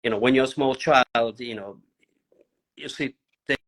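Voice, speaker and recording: Sixties Italian-born man, halting speech with many fillers, talking over a video call. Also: medium pitch, a bit bright. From Italy. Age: 60s. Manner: halting, searching for words, frequent fillers. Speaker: guest drummer. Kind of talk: casual interview.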